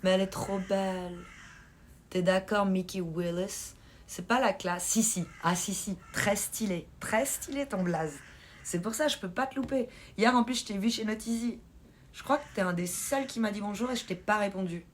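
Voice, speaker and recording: A woman's voice: mid-range voice, normal speed, a little hiss or hum. A woman hosting a casual live stream, chatting and laughing with her viewers as she reads the chat. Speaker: livestream host.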